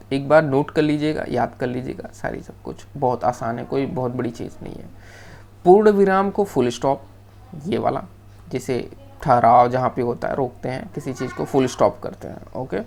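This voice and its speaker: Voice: mid-range voice, vocal fry, darkish tone. A teacher giving a screen-shared grammar lesson, explaining step by step in a loose, off-the-cuff way and often checking in with the class. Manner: loose, off-the-cuff delivery with restarts.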